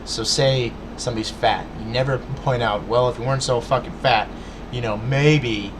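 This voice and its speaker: Earnestly lecturing his viewers straight to camera, a vlogger keeps a steady, medium-pitched tone at a moderate pace. The casual rant is full of stutters, restarts and fillers, with noise in the background.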